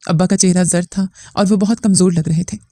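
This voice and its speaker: A woman narrating a first-person family drama story in a steady, somber manner. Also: lowish voice, fairly quick, no room sound.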